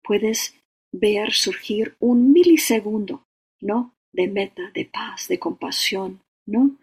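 A meditation teacher giving a dharma talk and leading a guided meditation, slow and halting, often checking in with short tag questions. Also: mid-range voice, a little mellow, husky. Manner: slow, halting, with frequent "¿no?" and "o sea".

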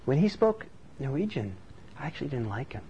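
Delivering a dharma talk, the Norwegian meditation teacher sounds thoughtful and conversational, his mellow, mid-range voice sing-song and a little fast. Faint noise sits beneath a slightly dull recording.

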